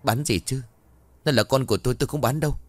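A man's voice: medium pitch, fast, no echo, pitched above the performer's own voice, natural voice. A man voicing a frightened young mother who speaks up in a raised voice, in a spoken ghost story. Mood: defiant.

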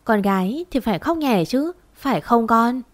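A woman voicing an aging, gentle father who speaks slowly in a choked, pleading way. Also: mid-range voice, animated, dry recording, natural voice. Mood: tearful.

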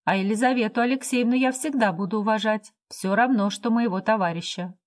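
A woman's voice: mid-range voice, expressive, moderate pace, close to an everyday voice. A woman reading the part of an earnest young workman who lectures in a stern, preachy way. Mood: lecturing.

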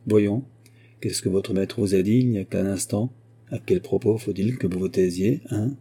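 Sly tough detective guy in an audiobook, read by a man, mocking and threatening, low dark husky voice. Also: normal speed. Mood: stern, mocking. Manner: sardonic and intimidating. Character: shrewd stern male police agent, threatening.

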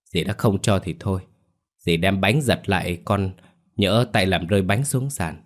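Brief: spoiled sly little boy, tearful whine, audio story, voiced by a man in a low voice. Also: a little slow. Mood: whining. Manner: tearful, whining.

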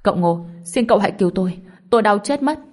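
A woman's voice: mid-range voice, expressive, fast talker, voice pushed up, lightly acted. A woman voicing a man in agony who begs and cries for a cure, in a storybook reading. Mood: desperate begging. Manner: crying, begging. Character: desperate man in agony, begging.

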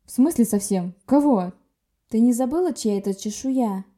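A woman's voice: a little high, expressive, normal speed, dark tone, natural voice. Woman playing a brusque young sorceress. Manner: brusque, scolding. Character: sharp-tongued young sorceress girl, quick-tempered.

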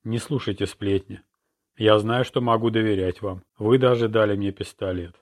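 A man's voice: lowish voice, steady tone, normal speed, close to an everyday voice. A man voicing a rich old woman in an audiobook, speaking in a cold, strangely indifferent tone. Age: older.

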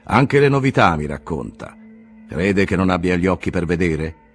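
A man's voice: low voice, sing-song, moderate pace, soft background music. A man voicing a jovial older sanatorium director who banters in a brusque, joking way. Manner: bantering, brusque, full of jokes.

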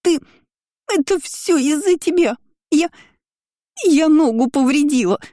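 A woman voicing a spiteful young woman who sneers and mocks in a shrill, high voice. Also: moderate pace, mellow, dry recording, clean studio sound, close to an everyday voice. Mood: shrill angry.

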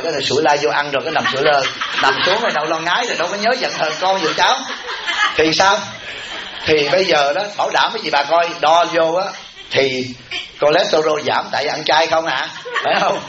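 Male monk, higher-pitched, folksy joking dharma talk; echoey, dull live recording, audience laughter behind. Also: background noise. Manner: folksy and teasing, repeats words for comic effect.

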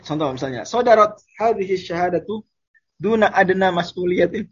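Husky-voiced man teaching Arabic grammar. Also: high-pitched, lo-fi sound. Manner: explains casually, repeats Arabic phrases slowly, laughs at examples. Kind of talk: online Arabic grammar lesson.

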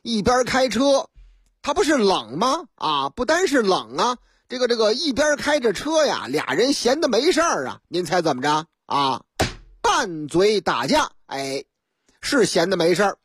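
A storyteller on the radio, telling the tale in a theatrical way with a pitch that swoops all over. The voice is husky, recorded on a dry, close studio mic. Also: a little slow, no room sound. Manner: lively and theatrical.

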